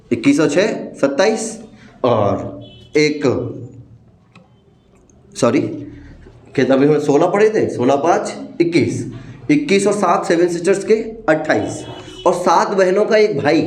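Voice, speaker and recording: A man teaches a demo lesson in a playful, step-by-step way. His voice sits fairly high. The room around him is echoey. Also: animated, a little slow, pauses often, a little mellow. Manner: playful, explains step by step, addresses listeners as "beta".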